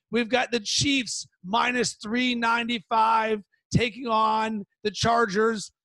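A man's voice: very high-pitched, a bit bright, dry recording, rough recording. A man hosting a sports betting podcast solo, with an emphatic, punchy delivery and stretched-out words. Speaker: podcast host.

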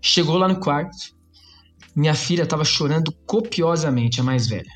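A Brazilian man co-hosting a faith podcast, reading a quote and telling a family story in an animated way. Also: a little high, normal speed, soft background music. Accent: Brazilian Portuguese. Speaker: podcast co-host.

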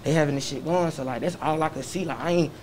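Man, rapper guest, rambling, quick talk, faint room noise. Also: on the high side, darkish tone. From Atlanta, Georgia, United States. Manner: rambling, fillers, keeps asking "you feel what I'm saying". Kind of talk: casual interview chat.

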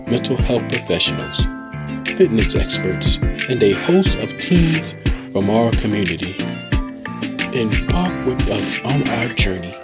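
An announcer reads a scripted show introduction as a voice-over. The pitch sits in a middle range. Loud music plays under the voice.

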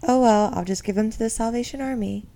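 A woman's voice: a little high, fast, warm tone. A woman chatting casually as a podcast co-host, opinionated and teasing. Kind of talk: casual chat.

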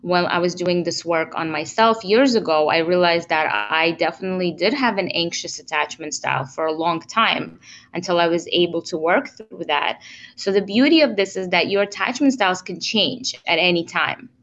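A woman relationship coach explaining ideas in a relaxed interview, with plenty of fillers and restarts. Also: on the low side, moderate pace, lo-fi sound.

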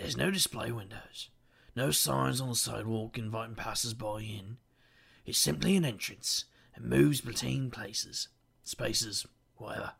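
A man playing a wisecracking, weary detective, delivering a wry, self-deprecating noir monologue in a gravelly, husky voice. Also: mid-range voice. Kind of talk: noir first-person monologue.

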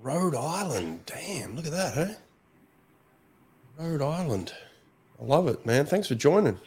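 A man's voice: a little high, very animated, measured pace, a little mellow, breathy edge. A man hosting a casual live stream, chatting with callers in an upbeat, laid-back way. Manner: laid-back, upbeat, calls guests champ and mate. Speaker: host.

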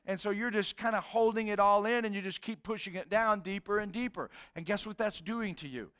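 A man preaching a sermon in a casual, animated way, with slang and acted-out quotes. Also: high-pitched, fairly quick, clear, resonant tone. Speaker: pastor.

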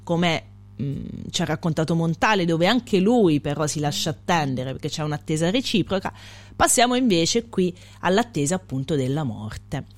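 A speaker leading a casual literary talk, thinking aloud with pauses and fillers, then reading a poem aloud. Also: mid-range voice, expressive. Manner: thoughtful, searching for words with fillers. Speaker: co-host leading a poetry discussion.

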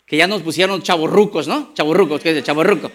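A man with a Mexican accent, a pastor preaching a conversational sermon with slang and quick restarts. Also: on the high side, fairly bright tone.

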